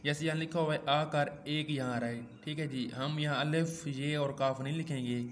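A man's voice: a little high, steady tone, normal speed, a little hiss or hum. A man teaching a braille lesson, patiently repeating each step and reciting dot numbers.

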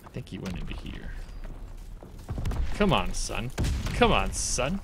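Guy streaming a shooter game, super animated jokey chat, loud gunfire going off behind him. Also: lowish voice, creaky, background noise. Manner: animated, jokey, quick exclamations. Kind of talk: casual gameplay commentary. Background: game gunfire and explosions.

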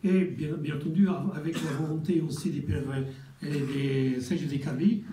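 A man's voice: on the high side, dark tone. Man with an Italian accent speaking in a hall. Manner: halting, repeats words, ceremonial thanks. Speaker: community representative giving a speech. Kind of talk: formal ceremony speech. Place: ceremony hall. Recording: echoey hall, from far off, faint noise.

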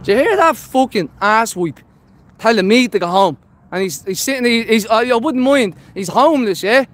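A man's voice: very high voice, expressive, moderate pace. A man from Dublin with a Dublin accent, vlogging live on the street, blunt and confrontational and swearing a lot. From Dublin, Ireland. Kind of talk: live street vlog commentary. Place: outdoors on city streets at a protest.

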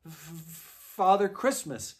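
A man's voice: fairly high pitch, lively intonation, normal speed, a little mellow, voice pushed up, lightly acted. A man voicing an elderly, timid and polite male fox who stammers deferentially in a storybook reading. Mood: frightened.

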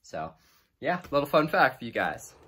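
Chatty hiker guy rambling to the camera outside, bright voice, a little background noise. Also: medium pitch, big pitch swings, normal speed. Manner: chatty, rambling, laughs easily. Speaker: thru-hiker vlogger. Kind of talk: casual trail vlog. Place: outdoors on a hiking trail.

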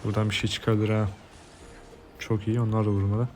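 Foul-mouthed Turkish gamer venting. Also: male voice, fairly low pitch, flat delivery, moderate pace. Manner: swearing, yells in frustration. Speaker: gaming streamer. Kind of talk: casual gameplay commentary.

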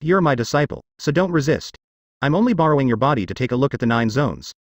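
A man's voice: medium pitch, expressive, quick pace, dry recording, studio quality, lightly acted. A man voicing a scheming male celestial spirit who coaxes insistently. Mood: coaxing.

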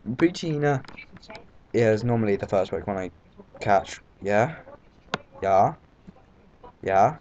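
A man's voice: fairly low pitch, lively intonation, slow pace, long pauses, a little mellow. Rambling British guy narrating a game. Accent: British English. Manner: rambling, full of fillers and swearing. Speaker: let's play commentator. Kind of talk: casual gameplay commentary. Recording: dull lo-fi mic, faint background noise.

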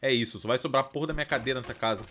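A man with a Brazilian Portuguese accent giving let's play commentary as a gaming streamer, swearing constantly and breaking into loud outcries. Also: mid-range voice, very fast, soft background music. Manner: profane, excitable, bursts into loud outcries.

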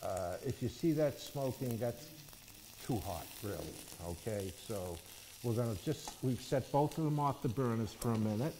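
A man's voice: medium pitch, moderate pace, warm tone, slight background noise, rough recording. A middle-aged man, a chef, giving a cooking demonstration in a studio kitchen and explaining each step, often checking in with "okay?" and "all right?". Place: studio kitchen set, indoors.

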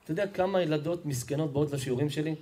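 A man, a rabbi, giving a Torah lesson to a live audience in an emphatic, animated way and putting questions straight to his listeners. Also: on the high side. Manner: emphatic, animated storytelling preacher; addresses listeners directly with questions.

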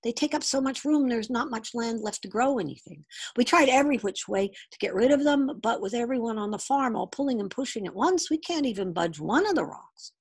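A woman's voice: on the high side, animated, brisk, breathy edge, voice pushed up. A woman voicing an earnest, kind young farm boy in a storybook read-aloud, eager and pleading.

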